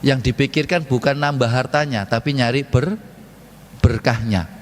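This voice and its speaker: A man's voice: medium pitch, moderate pace, a little hiss or hum. A man preaching at a mosque study session, playful and joking, asking the congregation questions and answering them himself. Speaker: ustadz giving a mosque study talk. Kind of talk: lively sermon with jokes to the congregation. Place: large mosque hall. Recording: long hall reverb.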